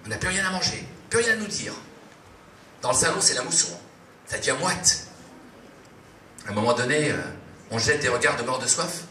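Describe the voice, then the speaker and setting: A man telling a comic story live, in a playful, halting way, with many fillers. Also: mid-range voice, animated, pushed and bright. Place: live venue. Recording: echoey room, distant mic, faint noise.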